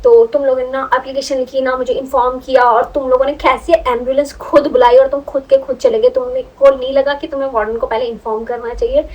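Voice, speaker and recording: A woman voicing a shrill, angry middle-aged female hostel warden with a cracked voice, firing off scolding questions. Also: darkish tone, poor audio. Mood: furious scolding. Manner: scolding, rapid accusing questions.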